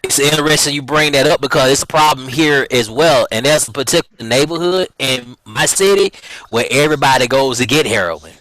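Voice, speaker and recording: A man hosting a casual chat, relaxed and jokey with blunt opinions. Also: medium pitch, a little fast, no echo, low-quality recording.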